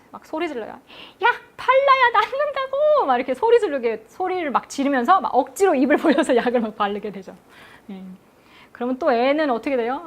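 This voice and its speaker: A woman preaching an afternoon church sermon, putting questions to the congregation and answering them herself with a steady "yes.". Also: a little high.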